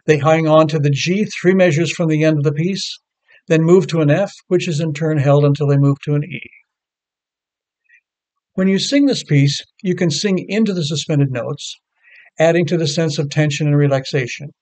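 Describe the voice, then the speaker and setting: A man reading a scripted lecture that explains choral music, in a measured, explanatory way. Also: on the high side, darkish tone.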